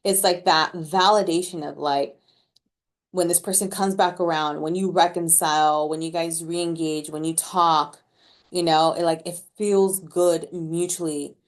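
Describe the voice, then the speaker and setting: Chatty low-voiced woman reading tarot. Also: fairly even intonation, a little slow. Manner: chatty and slangy, with many "like" fillers; playful, laughing at her own remarks. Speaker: tarot reader. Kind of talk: casual collective tarot reading to camera.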